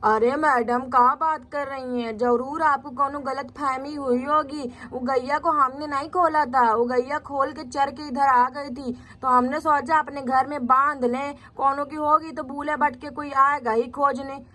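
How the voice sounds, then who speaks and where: A woman's voice: high voice, steady tone, measured pace, few pauses, sharp tone, slight background noise. Woman doing an indignant village neighbor. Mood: defensive. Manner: defensive, indignant protesting. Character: rustic village woman accused of theft.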